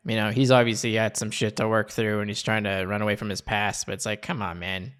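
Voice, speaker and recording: A man's voice: lowish voice, flat delivery, brisk, fairly bright tone. A man giving casual, informal and sweary reaction commentary while watching an anime film. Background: faint music from the film.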